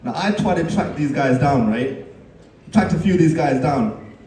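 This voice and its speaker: A man's voice: on the high side, lively intonation, moderate pace, mellow, a little hiss or hum. A man giving a teasing best man's speech at a wedding, laughing at his own stories. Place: wedding reception hall. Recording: echoey hall, mic at a distance.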